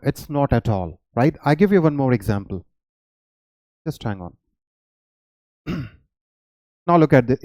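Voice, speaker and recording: Man teacher going over english lessons, patient and repeats himself a lot, kinda high but mellow voice. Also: no echo. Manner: patient, repetitive explaining with frequent "okay" check-ins; mixes Hindi and English. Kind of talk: classroom-style lesson.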